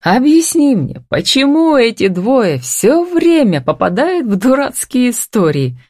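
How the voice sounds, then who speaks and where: A woman's voice: lowish voice, very animated, unhurried, no echo, clean studio sound, pitched above the performer's own voice. Woman reading as a teasing self-assured businessman. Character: confident wealthy businessman, teasing and commanding. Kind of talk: audiobook reading.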